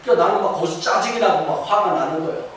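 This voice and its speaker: A middle-aged man preaching a sermon as pastor, telling stories and rising to fervent shouts. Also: on the high side, rapid-fire. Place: church sanctuary. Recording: very echoey hall from far off, faint noise.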